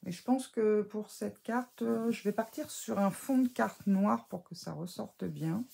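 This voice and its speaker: A woman's voice: mid-range voice, a little slow, creaky, mellow, husky. A woman chatting through a casual craft tutorial as she works, hesitant and full of fillers, often correcting and teasing herself. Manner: talks while working with her hands, self-mocking. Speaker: scrapbooking crafter.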